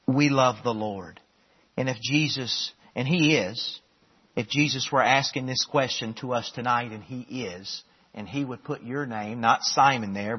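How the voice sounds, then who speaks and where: A man preaching a sermon, emphatic, moving between loud bursts and hushed lines and often repeating words as he restarts phrases. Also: mid-range voice, slightly rough. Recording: dull long-reverb hall sound.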